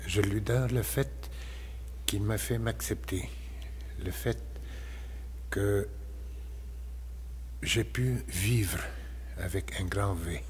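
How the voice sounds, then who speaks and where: Slow, low-voiced man in his sixties. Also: a little hiss or hum. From Lebanon. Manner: slow, measured and reflective. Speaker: parishioner giving testimony. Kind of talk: personal testimony.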